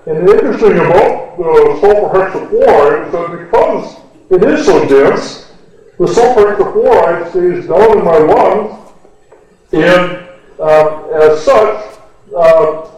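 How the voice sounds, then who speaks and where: A male chemistry demonstrator talks with an oddly deep, gas-lowered voice that booms and echoes as if from across a hall. He explains at a leisurely pace, chuckling between his words. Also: unhurried, darkish tone, distant mic. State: voice made unnaturally deep by inhaling a heavy gas. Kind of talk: lecture demonstration. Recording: echoey room recorded from afar.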